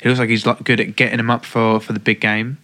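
A man's voice: on the low side, flat delivery, fast, pushed and bright. A man chatting casually about football on a podcast, hesitant and often restarting. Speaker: podcast guest.

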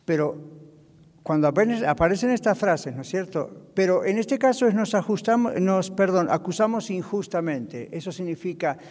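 A man with a Latin American Spanish accent preaches a sermon on marriage, his voice pitched fairly high. He talks to the congregation in a loose, conversational way and checks in with them often. His voice rings with the long reverb of a church hall. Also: expressive, normal speed, a little mellow. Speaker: pastor.

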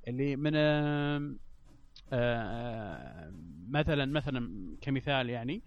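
A man chatting casually as a panelist, halting and repeating himself insistently. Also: medium pitch, expressive, muffled recording. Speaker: panelist on a film discussion show. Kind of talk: casual chat.

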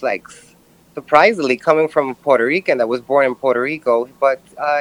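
A podcast guest in their early thirties with a male-sounding, medium-pitched voice. They are from Brooklyn and answer personal questions reflectively, with halting phrasing. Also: fairly bright tone, no room sound, rough recording. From Brooklyn, New York. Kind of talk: personal interview.

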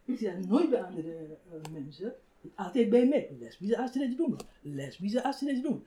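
Older woman, warm animated storyteller. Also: medium pitch, moderate pace. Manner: animated, acts out quoted voices, laughs often. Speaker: writer. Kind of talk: reflective conversational storytelling.

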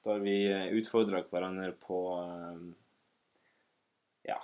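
A man's voice: deep voice, little pitch movement, darkish tone. A man with a North Norwegian accent co-hosting a podcast in casual, dryly joking chat. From Northern Norway. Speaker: podcast co-host.

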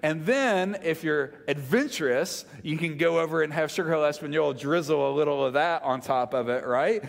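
A man's voice: on the high side, moderate pace, creaky. A man with a Southern US accent preaching conversationally to a congregation, emphatic, repeating phrases and putting questions to his listeners. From Mississippi, United States. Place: large reverberant room, speaking to a congregation. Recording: reverberant hall sound.

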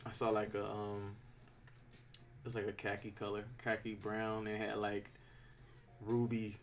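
A man hosting a casual podcast chat, slangy and quick to agree and laugh along. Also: lowish voice, completely flat delivery, faint music behind.

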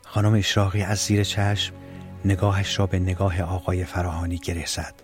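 A man narrating a romance novel as an audiobook, reading calmly and evenly. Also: low voice, over music. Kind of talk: scripted literary narration.

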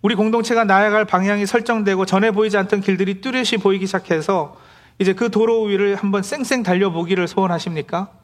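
High-voiced man preaching a conversational sermon. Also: steady tone, fast. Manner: conversational preaching, acting out quoted complaints. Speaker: pastor.

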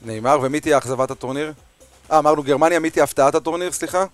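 Male sports radio host, casual, enthusiastic, slightly high voice, faint music bed. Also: dry recording. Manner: enthusiastic interjections.

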